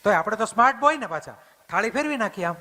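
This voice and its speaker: A man's voice: high-pitched, animated, quick pace, pushed and bright, slight background noise. A man giving a motivational storytelling talk to an audience, acting out family conversations. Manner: acts out family dialogue in plain voice. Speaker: motivational speaker. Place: community hall event. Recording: hall reverb, stage mic.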